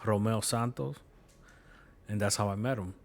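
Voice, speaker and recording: A man's voice: on the low side, steady tone, normal speed, vocal fry. Laid-back New York man rambling. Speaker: streamer. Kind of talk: casual chat while gaming.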